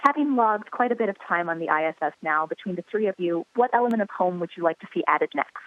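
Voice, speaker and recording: A woman's voice: lowish voice, animated, fast, no echo, narrow, tinny audio. A woman journalist asking prepared interview questions over a phone or radio link.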